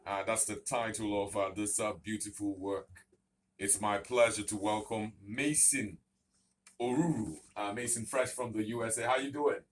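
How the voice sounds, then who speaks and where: A man hosting a radio interview in a studio. He talks emphatically, like a presenter, and fills his pauses with "uh". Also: lowish voice, fairly even intonation, slight background noise. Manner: emphatic presenter, many fillers. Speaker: radio host.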